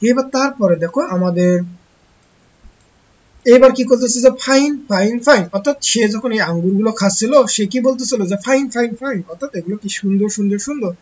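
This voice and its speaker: Teacher, husky breathy voice, asks and answers own questions, repeats words slowly, dull lo-fi recording. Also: mid-range voice, a little mellow. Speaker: English teacher for young pupils. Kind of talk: online lesson explaining a textbook.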